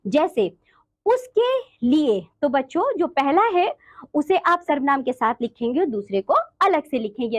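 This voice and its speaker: A woman's voice: sits high, lo-fi sound. A woman teacher giving a classroom lesson, explaining patiently and often addressing the children directly.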